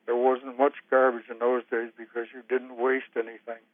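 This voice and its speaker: A man reading a memoir passage in a flat, even storytelling voice. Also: medium pitch, normal speed, no room sound. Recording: tinny phone-like sound.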